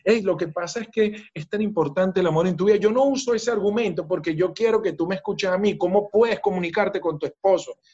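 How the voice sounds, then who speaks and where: A man's voice: sits high, brisk, hardly any pauses, darkish tone, breathy edge, lo-fi sound. A man with a Venezuelan accent, a business coach speaking in a podcast interview, emphatic and talking straight to the listener.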